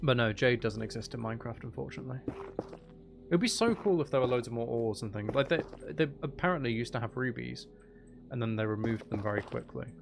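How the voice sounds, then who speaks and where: A man playing Minecraft gives casual commentary, muttering to himself and thinking aloud as he plays. His medium-pitched voice is fairly quick with vocal fry, and music plays in the background.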